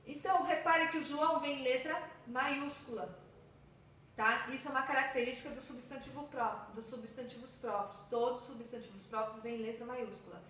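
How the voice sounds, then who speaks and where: A woman with a Brazilian Portuguese accent records a grammar lesson for children, explaining patiently and checking in with her students often. Her voice sits high, steady and fairly bright, at normal speed, with slight background noise. She's far from the mic in a very echoey room at home, with traffic outside.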